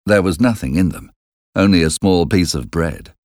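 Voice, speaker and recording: A man reading a story aloud in a slow, deliberate way, close to the mic. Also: low voice, lively intonation, darkish tone, dry recording. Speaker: audiobook reader. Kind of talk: storybook narration.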